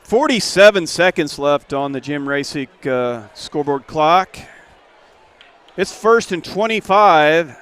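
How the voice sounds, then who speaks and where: Folksy man calling high school football. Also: slow pace, clear, resonant tone. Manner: folksy, relaxed, rises when a play starts. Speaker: play-by-play announcer. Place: press box at a football stadium.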